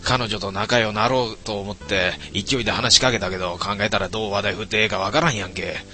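A man's voice: on the low side, fairly even intonation, brisk, bright, forceful tone. A man voicing a shy, lovesick teenage cat-boy student with a Kansai accent, reading visual novel lines as a flustered, stammering inner monologue.

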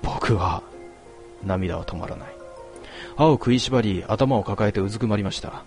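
A man narrates a first-person story in a steady, quiet voice. His reading is measured and melancholy, set in a fairly low register. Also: faint music behind.

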